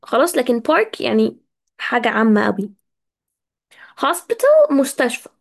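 High-voiced Egyptian woman teaching English. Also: expressive, creaky. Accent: Egyptian Arabic. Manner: repeats English words slowly to drill pronunciation; chatty, addresses students directly. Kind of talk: casual live vocabulary lesson.

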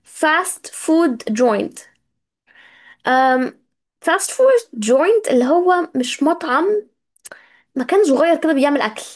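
A woman with an Egyptian Arabic accent teaching English words in a casual live lesson, chatty and talking straight to her students, drawing out words slowly to drill their pronunciation. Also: high-pitched, lively intonation. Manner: chatty, addresses students directly.

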